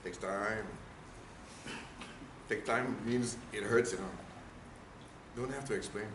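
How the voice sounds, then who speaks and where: A man's voice: lowish voice, fairly even intonation, slow pace. A man giving a speaking workshop, emphatic and questioning the audience. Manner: emphatic, asks the room questions. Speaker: speaking trainer. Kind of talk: workshop lecture. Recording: echoey room, faint noise.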